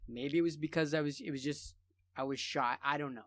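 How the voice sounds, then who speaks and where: A man in his forties chats as a podcast guest, with a slightly higher voice. He tells childhood stories in an animated way, often laughing and restarting his sentences. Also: brisk, dry recording. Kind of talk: casual storytelling.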